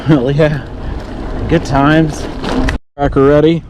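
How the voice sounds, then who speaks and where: A man chatting casually and jokingly for an outdoor bikepacking vlog, excitable and prone to whooping. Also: a little high, takes it slowly. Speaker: vlogger on a bikepacking trip. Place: outdoors on a bike trip. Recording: loud wind and outdoor noise.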